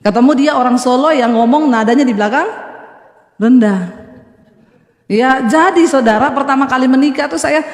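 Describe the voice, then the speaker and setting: A high-pitched woman pastor with a Sulawesi Indonesian accent preaches to her congregation, telling stories with humour. Her voice echoes through a large church hall. The reverb hangs on long after each phrase. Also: moderate pace, long pauses. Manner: humorous storytelling, addresses congregation. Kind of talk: sermon.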